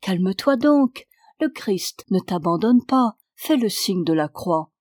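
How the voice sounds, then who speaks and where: A woman reading aloud voices a gentle peasant man of about fifty, coaxing and reassuring a frightened child. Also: mid-range voice, lively intonation, slow, no echo, studio quality. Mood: soothing. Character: gentle fifty-year-old peasant man, tender and soothing.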